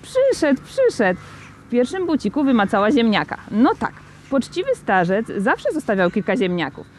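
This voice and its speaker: A woman reading a children's novel aloud with lively, expressive storytelling. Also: on the high side, brisk, a little hiss or hum. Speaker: reader.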